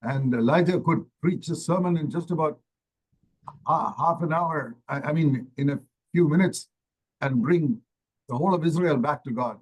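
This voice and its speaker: Elderly male preacher, 80s, very unhurried sermon delivery, slightly high voice. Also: rough recording. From India. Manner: slow, measured, pausing for translation. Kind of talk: sermon with interpreter.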